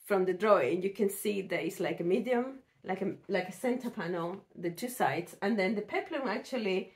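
A woman sewing vlogger, hoarse from a cold, chatting casually about her projects in a rambling way with fillers and restarts. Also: mid-range voice, normal speed. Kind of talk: casual chat.

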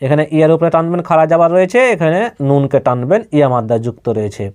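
A man with a smooth, resonant voice, pitched a little high, leads a Quran reading lesson. He spells out letters in a slow, even recitation, then says each word and repeats it. Now and then he fires off a quick question to the listener and answers it himself.

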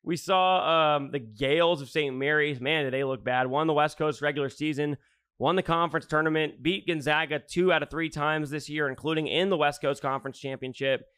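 A man co-hosting a casual sports podcast, blunt and profane, telling animated stories. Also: on the high side, fairly quick, clear, resonant tone, dry recording, clean studio sound. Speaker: podcast co-host.

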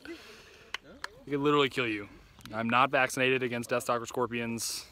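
Bright, jokey young man vlogging. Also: mid-range voice, moderate pace. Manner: jokey, easily spooked, exclaims often. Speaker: vlogger host. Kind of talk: casual vlog commentary. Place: outdoors in rocky desert camp.

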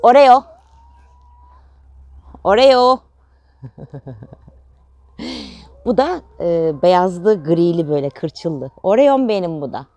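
A woman's voice: on the low side, very animated, takes it slowly, long pauses, warm tone. A middle-aged woman from Turkey chatting casually through a home vlog and cooing affectionately to her chickens in the garden. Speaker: vlogger mother.

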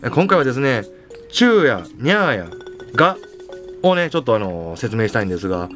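A man's voice: mid-range voice, sing-song, a little fast, a bit bright. A young man hosting a radio show, talking chattily with a Tosa accent. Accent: Tosa dialect of Kochi. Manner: chatty, amused. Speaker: radio host. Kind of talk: casual radio talk. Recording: faint music underneath.

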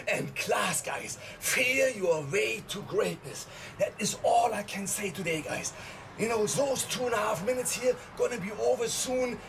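A middle-aged man speaking while sitting in ice cold water, giving emphatic, repetitive motivational exhortations to the camera like a vlog host. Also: high-pitched. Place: outdoor balcony, inside a tub of ice water.

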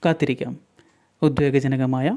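A man's voice: medium pitch, steady tone, measured pace, dark tone. A man narrating a retelling of a TV serial episode in a dramatic storytelling manner.

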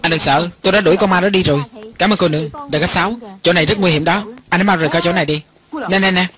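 A man reading every part of a film as a voice-over, in an even and lightly acted way. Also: high-pitched, very fast. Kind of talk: lector voice-over reading all parts.

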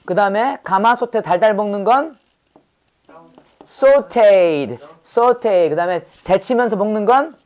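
A woman teaching English vocabulary in a brisk call-and-response drill. She fires off quick questions and repeats each word over and over. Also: mid-range voice, expressive, a little mellow.

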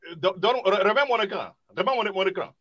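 Agitated high-voiced male debater. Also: expressive, fast, muffled recording. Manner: agitated, interrupting, stammers in bursts. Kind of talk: heated debate.

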